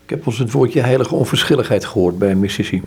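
Male interviewer asking questions, husky, mid pitch, a bit hesitant. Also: fast talker.

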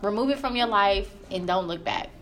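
A woman's voice: medium pitch, fairly quick, a bit bright, a little hiss or hum. A woman co-hosting a podcast in casual chat, talking in a candid, colloquial and emphatic way. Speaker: podcast co-host. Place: room in a library.

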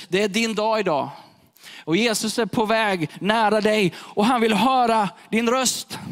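A man preaching a sermon to a gathered audience, emphatic and repeating his key phrases. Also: high voice. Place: church hall with a live audience. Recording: echoey hall reverb.

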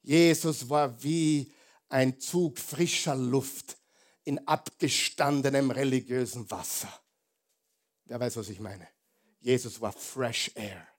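A man preaching a sermon as a pastor, emphatic and animated, throwing rhetorical questions to the congregation. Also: medium pitch, takes it slowly.

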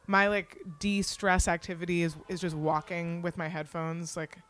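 A young woman with a slightly low voice chats casually, as if co-hosting a podcast. She is candid and self-deprecating, and rambles as she works through her thoughts. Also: steady tone, moderate pace, fairly bright tone. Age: young adult. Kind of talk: casual chat.

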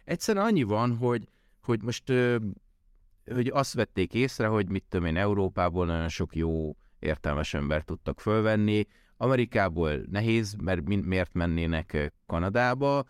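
A man's voice: on the low side, expressive, clear, resonant tone, no room sound, clean studio sound. A man from Hungary talking casually as an interview guest, often rephrasing and circling back mid-sentence. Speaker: podcast guest, tech worker who moved abroad.

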